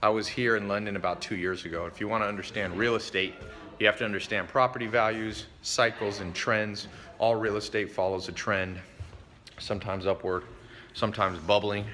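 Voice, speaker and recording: A man's voice: on the low side, fairly even intonation, a little fast, pushed and bright, soft background music. A man hosting a casual vlog, joking and quizzing friends on a night out. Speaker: vlog host.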